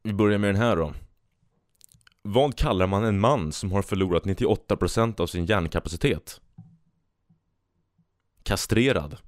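Low-voiced casual man hosting a podcast. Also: long pauses, dry recording, studio quality. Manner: rambling, self-amused, reads jokes aloud with voices. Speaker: podcast host. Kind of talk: casual solo podcast chat, reading jokes.

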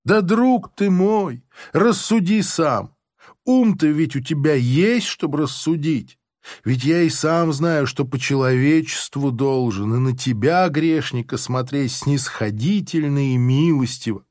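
This storybook reading is clean, studio-recorded, and free of room sound. A man lightly acts the part of a smug, sadistic, self-righteous army officer in an unhurried, highish voice. He's oily and preachy at first, then shouts with glee.

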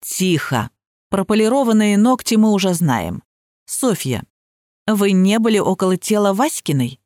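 A woman reading the part of a calm, authoritative male detective boss who speaks in measured, commanding tones. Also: high-pitched, dry recording, studio quality. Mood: calm stern.

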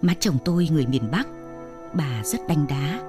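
A woman, narrating a story in a plain, steady way. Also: deep voice, moderate pace, music in the background. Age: 60s. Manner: plain, steady telling with lists of short phrases.

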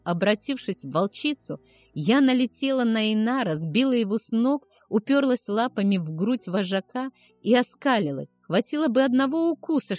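Woman audiobook narrator, steady first-person read, dry close sound. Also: medium pitch, no echo.

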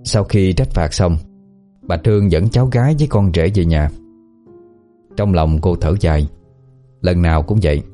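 Low-voiced male storyteller. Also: mellow. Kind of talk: scripted audio-story narration.

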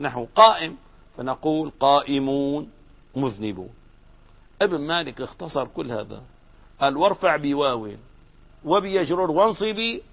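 A man teaching a classroom grammar lesson, explaining lively and asking his students questions. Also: medium pitch, vocal fry, slightly rough, lo-fi sound.

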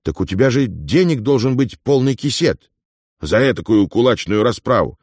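A man reading an audiobook and voicing a boisterous, talkative older male companion who lectures in a lively raised voice. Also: medium pitch, normal speed, no echo, clean studio sound, pitched above the performer's own voice. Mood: scolding. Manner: loud, lively, mentoring.

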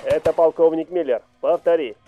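An actor playing a stern male military colonel who gives terse, clipped orders over a walkie-talkie with a croaky voice. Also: fairly high pitch, normal speed, dark tone, soft background music. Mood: curt. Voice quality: croaky, cawing voice. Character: stern male colonel commanding an expedition base. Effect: heard over a walkie-talkie radio. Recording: tinny, dry radio transmission.

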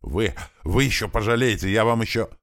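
A man voicing a petulant young male rival suitor with a squealing high-pitched voice, in an audiobook reading. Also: very animated, normal speed. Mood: furious. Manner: petulant, demanding, breaks into shrieks.

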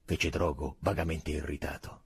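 A man with a husky voice narrating a novel as an audiobook, expressive and dramatic. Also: very deep voice, normal speed. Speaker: audiobook reader.

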